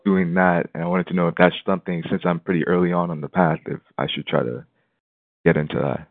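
A man calling in to a radio talk show over a phone line, speaking softly and hesitantly. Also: low voice, level tone, a little fast, no echo. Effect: caller heard over a phone line. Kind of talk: call-in question on a talk show.

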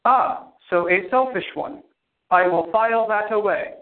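A man's voice: sits high, a little slow. A man voicing a cold, formal male artificial intelligence that speaks precisely and without emotion. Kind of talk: audio drama acting. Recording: tinny phone-like sound.

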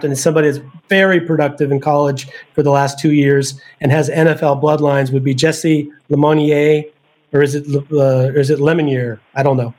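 A man's voice: a little high, a little mellow. A man on a sports podcast, thinking aloud as he weighs draft prospects in casual chat. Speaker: podcast panelist.

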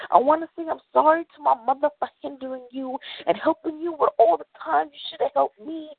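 A woman with a high-pitched, creaky voice performs a confessional spoken word poem, dramatic and deliberate, leaving long pauses between phrases. There's no echo, and the sound is phone quality.

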